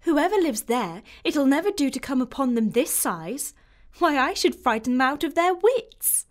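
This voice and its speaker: Curious little girl for audio drama, adult actress: high, animated, earnest and wondering. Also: normal speed.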